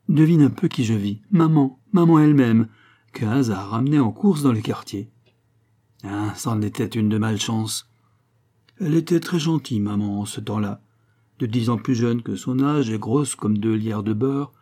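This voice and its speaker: A man reading a classic story aloud in a lively, expressive narration. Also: mid-range voice. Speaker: audiobook reader. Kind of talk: scripted literary narration.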